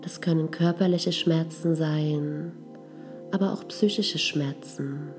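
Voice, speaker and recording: A woman leading a guided healing meditation in a soft, gentle, breathy voice that trails toward a whisper. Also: sits low, steady tone, slow pace. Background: music.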